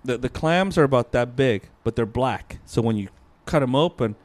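Male podcast host, mid-pitched, loose and profane, storytelling chatter. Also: lively intonation, moderate pace. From United States. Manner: rambling, swears freely, laughs often. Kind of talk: casual podcast chat.

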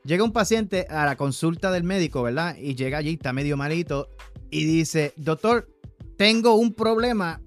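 A man co-hosting a podcast, telling jokes in an animated way and laughing at them himself. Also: fairly high pitch, brisk, faint music behind. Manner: animated storyteller, laughs at his own jokes. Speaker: podcast co-host. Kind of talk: casual chat, telling jokes.

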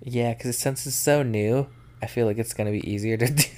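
A man's voice: medium pitch, a little fast, darkish tone. A man co-hosting a podcast in casual, offhand, slangy chat with swearing. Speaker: podcast co-host.

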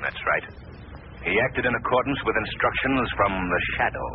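A man's voice: fairly low pitch, animated, moderate pace, natural voice. A man acting in a 1940s radio drama as an unseen, mocking avenger who taunts criminals with theatrical deliberation. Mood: stern, triumphant. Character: unseen avenging male mystery crime fighter, mocking and menacing. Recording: tinny, hissy old radio recording.

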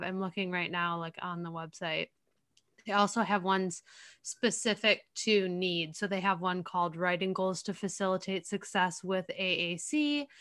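A speech-language pathologist co-hosting a casual professional podcast chats enthusiastically and recommends resources. Her mid-range voice is bright and smooth.

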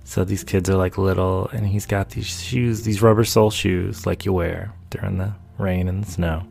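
This North Carolina man, a painter who makes videos, has a low, gravelly, darkish voice with little pitch movement and a normal speed. Talking casually to the camera, he rambles through amused stories.

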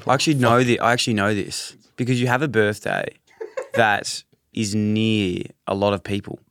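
A man's voice: lowish voice, level tone, moderate pace, fairly bright tone. Chatty, opinionated Australian man. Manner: chatty and opinionated, swears freely. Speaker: podcast co-host. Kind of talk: casual banter.

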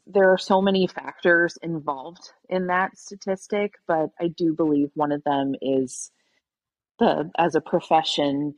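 A woman's voice: sits low, a little mellow, no echo. A woman working as a veterinary social worker, answering interview questions earnestly and searching for words now and then.

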